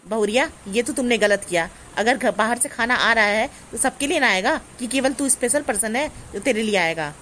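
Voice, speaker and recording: A domineering middle-aged mother-in-law, played by a woman, gives orders and scolds in a family comedy skit. Her voice sits slightly high, with a faint noise in the background. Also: animated, brisk, few pauses, fairly bright tone. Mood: scolding. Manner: scolding, commanding.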